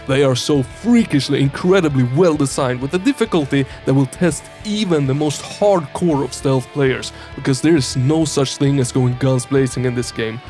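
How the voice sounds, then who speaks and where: A man with a mid-pitched voice narrates a game review. His delivery is informal and playful with theatrical emphasis, over a faint bed of music. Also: darkish tone. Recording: background music under voice-over.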